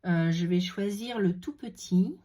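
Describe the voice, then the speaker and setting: A woman with a runny nose chatting casually while she shows a craft project, relaxed and talkative as she works. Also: fairly low pitch, a little slow. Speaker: craft video host. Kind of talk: casual craft tutorial chat.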